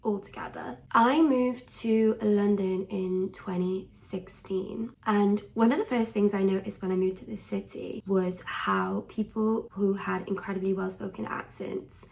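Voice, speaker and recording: On a rough recording, a young fashion commentator from Wales talks casually to the camera in a medium-pitched voice with gravelly fry. Welsh is her first language, and her frank, conversational delivery occasionally sinks to a soft near-whisper.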